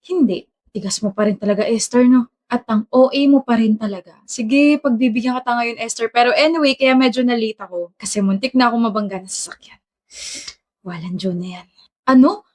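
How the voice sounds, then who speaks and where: Woman doing skit lover, teasing n bickering, kinda high voice. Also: fairly quick, close to an everyday voice. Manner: teasing, bickering back-and-forth. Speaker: skit actor. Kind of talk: scripted romantic skit dialogue.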